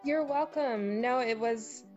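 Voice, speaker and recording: A young Southern American woman, a guest talking casually and animatedly in an interview, with quick rants. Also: on the high side, a little mellow, highs cut off, faint music behind. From United States. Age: young adult.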